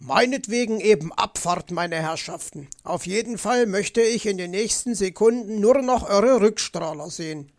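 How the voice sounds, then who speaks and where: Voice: mid-range voice, lively intonation, a little slow, gravelly. A storybook narrator voicing Mr. Fox, a fussy, bossy male fox who grumbles and lectures.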